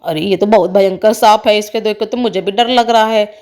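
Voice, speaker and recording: A woman's voice: medium pitch, a little fast, darkish tone, voice pushed down, close to an everyday voice. A woman voicing a boastful, timid male snake charmer who chants in a sing-song way and keeps stalling, in a doll story. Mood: bumbling.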